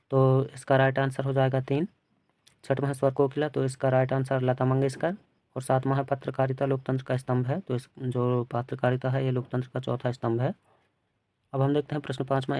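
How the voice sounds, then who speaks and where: Flat, dark-voiced male teacher. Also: mid-range voice, no room sound. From India. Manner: reads each question then answers it plainly. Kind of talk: exam answer walkthrough.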